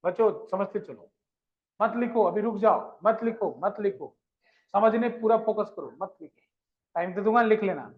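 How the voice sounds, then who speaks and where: A man's voice: high voice, moderate pace. A male physics teacher lecturing a live class, asking questions, repeating them, and coaxing his students along as children. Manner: addresses students fondly as children. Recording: dull lo-fi sound.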